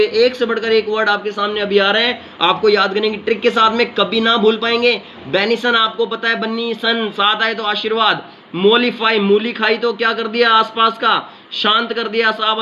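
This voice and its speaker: A man teaching vocabulary in an energetic exam-prep lesson, chanting memory tricks in a sing-song way. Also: sits high. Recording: slightly dull lo-fi sound with faint noise.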